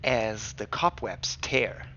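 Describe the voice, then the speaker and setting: A man's voice: on the low side, lively intonation, takes it slowly, bright, forceful tone, slight background noise. A man narrating as a tabletop game master, hesitant, trailing off with many fillers. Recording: dull lo-fi mic.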